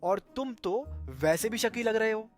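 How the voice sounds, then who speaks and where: A man's voice: high voice, unhurried, soft background music, pitched above the performer's own voice. A man voicing a hot-headed, suspicious young brother in a cartoon story. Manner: suspicious, shouts when angry.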